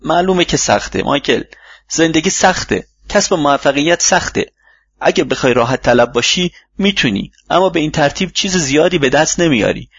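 Patient fatherly mentor read by a man, husky voice, dull dry recording. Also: a little high, dry recording, voice pushed up, full character voice. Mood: advising. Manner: calm, instructive, fatherly. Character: wise older male mentor gardener, patient. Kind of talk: audiobook reading.

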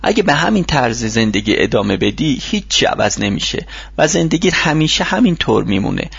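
Male reader playing patient older workshop mentor, lively advising voice, husky, dull dry audiobook sound. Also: medium pitch, no echo, heavily acted.

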